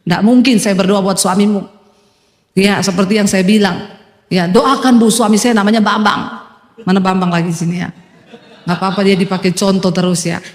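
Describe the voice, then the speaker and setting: A woman's voice: mid-range voice, little pitch movement, moderate pace, a little mellow. A woman pastor preaching a sermon emphatically, with humorous asides and acted-out quotes. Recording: echoey hall reverb.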